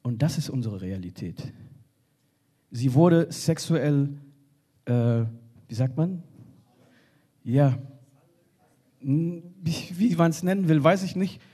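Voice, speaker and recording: A man speaking earnestly on a panel from a stage, often halting and restarting. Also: a little high, animated, warm tone, breathy edge. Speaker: panel speaker for a refugee organization. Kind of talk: spoken panel contribution. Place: stage in a hall.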